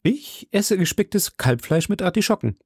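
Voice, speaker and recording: An eager, quick-witted young musketeer, put on by a man reading aloud in a storybook, brisk and teasing. His voice sits raised and lively, close and dry. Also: high voice, husky, no echo, voice pushed up, exaggerated voice.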